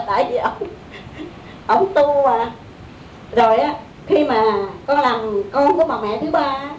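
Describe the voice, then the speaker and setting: A woman with a Southern Vietnamese accent preaching a Buddhist story in a conversational way, often saying "đó" and "á". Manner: conversational, with fillers like "đó" and "á". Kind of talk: sermon storytelling. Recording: echoey room, distant mic, faint rumble.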